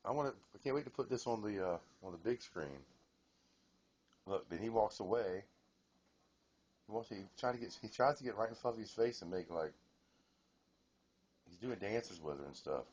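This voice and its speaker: At home, a pet owner films his animals, chatting casually and cooing to them in baby-talk. His fairly low, darkish voice is animated and at normal speed, with long pauses, and the recording is muffled.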